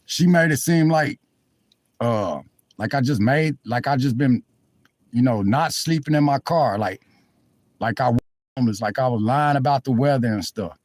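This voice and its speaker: A vlogger sits in his car in the cold, addressing his live chat in a rambling, sincere, apologetic way. He speaks at a moderate pace with frequent pauses, his medium-pitched voice slightly mellow, and the dry phone mic picks up no room sound.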